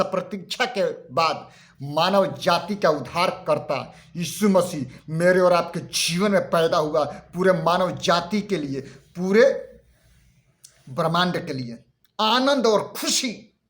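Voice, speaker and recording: A man's voice: high-pitched, fairly bright tone. A man preaching a Christmas sermon, fervent and reading scripture verses aloud.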